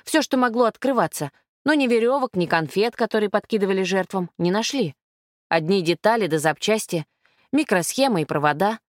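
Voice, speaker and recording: A woman narrating a crime novel chapter in an even, steady storytelling voice, recorded dry. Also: medium pitch, fairly quick, no echo. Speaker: audiobook narrator.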